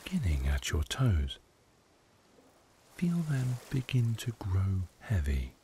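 Soft-spoken low man guiding meditation. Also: big pitch swings, slow, slight background noise. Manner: soft, hushed delivery, often slipping into a whisper. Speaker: meditation guide. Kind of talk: guided meditation narration.

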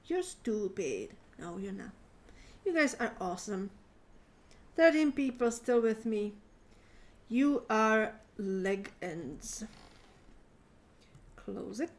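A woman's voice: a little high, sing-song, unhurried, darkish tone. A woman streamer chatting casually and playfully with her viewers while gaming. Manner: playful, teasing, talks to chat.

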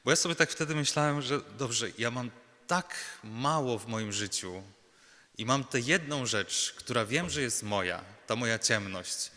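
A man preaching a personal retreat sermon as a Jesuit preacher, earnest and halting, with many fillers and restarts and rhetorical tag questions to the congregation. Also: mid-range voice, expressive, sharp tone. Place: large church. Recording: long church reverb.

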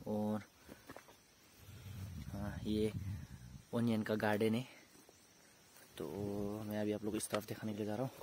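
A young man narrates a relaxed tour of his farm, naming each plot in turn in a low, even voice that barely rises or falls. He films outdoors on a phone held at arm's length, with faint outdoor noise behind him. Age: young adult. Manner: plain, unhurried, points things out one by one. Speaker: farm vlogger. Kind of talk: casual walking tour narration. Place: hillside vegetable farm outdoors.

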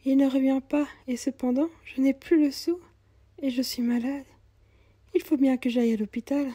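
A worried young mother in a storybook tale, voiced by a woman, pitched up and pleading. The voice is husky and unhurried, heard dry and close. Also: steady tone, warm tone, no room sound. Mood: anxious. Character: poor pale young mother, anxious.

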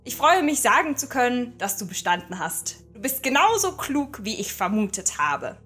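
A woman voicing a scheming, foul-mouthed talking crow that speaks in a hushed, conspiratorial tone. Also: fairly high pitch, sing-song, normal speed, breathy edge, soft background music, voice pushed up, exaggerated voice. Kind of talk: audio horror story reading.

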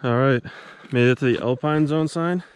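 A man's voice: mid-range voice, moderate pace, clean tone. A man narrating his own mountain climb in a hiking vlog, giving short upbeat running comments as he walks. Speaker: hiker filming his climb. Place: outdoors on a dark mountain trail and open summit. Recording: wind noise on camera mic. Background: wind.

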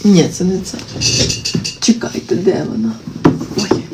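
Drawing on a phone livestream at home, a TikTok host in her thirties rants and swears nonstop, her pitch leaping into high outbursts whenever she's exasperated. She's animated and a little slow, talking over loud music. Faint background noise and clicks can be heard.

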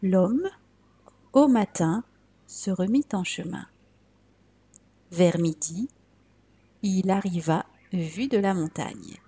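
A woman narrating a fairy tale aloud, softly, at times dropping to a whisper. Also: fairly low pitch, breathy edge. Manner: slow, soft, dropping to whispers. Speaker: storyteller.

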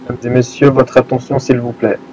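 A man making a formal passenger announcement over a train PA loudspeaker, repeating the key information. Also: medium pitch, level tone, fairly quick, slight background noise, poor audio. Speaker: player voicing a train driver.

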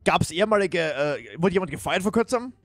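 A man improvising a police officer in a casual game role-play, brisk and stumbling over his words now and then. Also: high-pitched, lively intonation, no echo, soft background music. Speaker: gamer playing a police officer.

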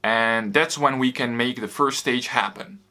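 Earnest young man, bright voice. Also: mid-range voice, measured pace. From Bosnia. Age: 20s. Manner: earnest, steady, with occasional fillers. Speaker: student making a crowdfunding appeal. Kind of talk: earnest scripted-sounding appeal to camera. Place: small home room with shelves.

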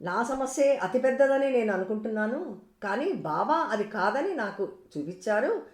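A worried young mother pours out her troubles in an anxious, pleading voice, as a woman narrator reads her lines. The voice is a little high, and the room adds an echo. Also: lively intonation, normal speed, close to an everyday voice. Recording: roomy echo.

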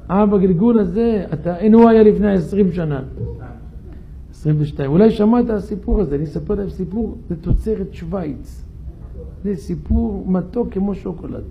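Male rabbi, storytelling sermon, animated, high rough voice, phone-like sound. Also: a little hiss or hum. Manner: animated, questions the audience. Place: synagogue.

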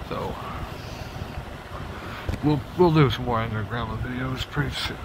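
A man's voice: mid-range voice, unhurried. A man giving casual, shocked and sweary reaction commentary as he hosts a reaction video. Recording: clearly noisy background.

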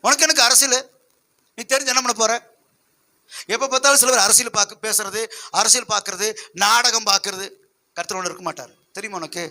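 A man's voice: high voice, fairly even intonation, fairly quick, vocal fry, long pauses, sharp tone. A man preaching a sermon as pastor, emphatic and full of rhetorical questions to his listeners.

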